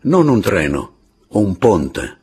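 A man reading a calm young dynamiter. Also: low-pitched, slow, exaggerated voice. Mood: measured. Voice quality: husky.

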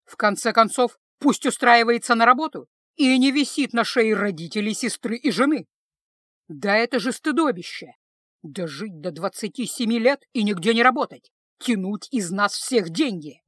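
A woman's voice: fairly high pitch, lively intonation, moderate pace, a bit bright, no echo, clean studio sound. A woman reading the part of a weary, defiant young woman who answers bluntly and sarcastically.

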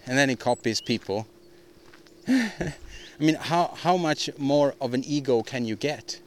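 A man's voice: mid-range voice, big pitch swings, takes it slowly, pauses often. Male podcast host, solo monologue; rambling, opinionated, frequent restarts and repeats. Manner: opinionated, ranting delivery.

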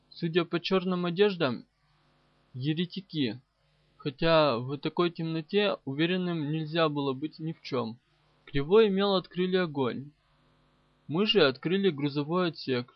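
Fairly high male audiobook narrator. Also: dry recording, dull audio. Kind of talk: first-person audiobook narration.

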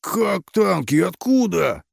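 A man's voice: medium pitch, sing-song, normal speed, warm tone, dry recording, clean studio sound, voice pushed up, natural voice. A man voicing a frightened young male lieutenant who squeals and pleads. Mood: panicked. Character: young panicky male lieutenant, whiny and scared.

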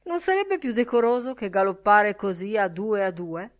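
A woman's voice: mid-range voice, animated, moderate pace, voice pushed up, natural voice. A woman reading an audiobook, voicing an earnest middle-aged Dublin man who explains his ideas eagerly.

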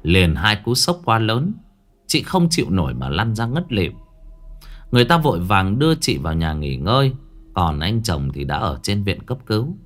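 A man, narrating a ghost story in a dramatic, expressive manner. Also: fairly low pitch, moderate pace, soft background music.

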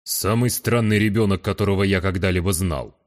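A male audiobook narrator voicing a taciturn, gruff giant of a man who speaks quietly and with restraint. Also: deep voice, a little fast, close to an everyday voice. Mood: restrained.

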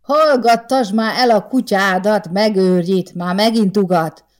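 A woman's voice: mid-range voice, pitched above the performer's own voice, lightly acted. A woman voicing a bitter, grumpy old man in his seventies who snaps scornfully at his neighbour in an audiobook story. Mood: irritated. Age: over 70. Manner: snapping, scornful outbursts. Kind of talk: audiobook character voice.

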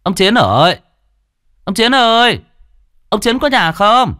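A man's voice: medium pitch, very animated, unhurried, no echo, studio quality, voice pushed up. A man voicing a timid young male servant who speaks obsequiously. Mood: calling out. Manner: obsequious, deferential.

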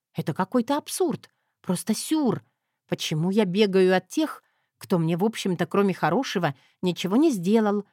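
A woman giving a wry, expressive first-person audiobook narration. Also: mid-range voice, no echo, studio quality.

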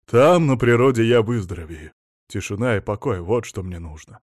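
A man's voice: lowish voice, lively intonation, normal speed, darkish tone, no echo, studio quality. A man doing a pleading henpecked husband. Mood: emphatic. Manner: pleading, emphatic. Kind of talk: audiobook character reading.

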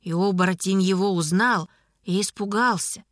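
A woman reading first-person scripted narration for an audiobook in a wry, measured storytelling manner. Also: mid-range voice, a bit bright, no echo, studio quality.

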